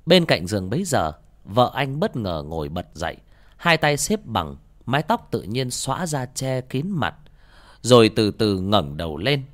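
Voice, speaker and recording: A man's voice: mid-range voice, big pitch swings, measured pace. A man narrating a horror story with dramatic, swinging intonation.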